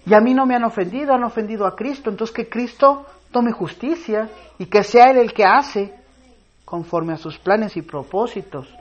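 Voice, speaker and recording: A man preaching a sermon in an earnest voice, reading scripture aloud with pauses and swelling to loud, emphatic stress. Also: high voice, muffled recording. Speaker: pastor.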